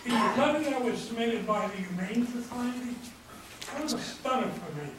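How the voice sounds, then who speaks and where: An attendee at a public meeting asks a drawn-out question. The voice sounds far off and echoes heavily through the hall, with clear background noise. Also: mid-range voice, animated.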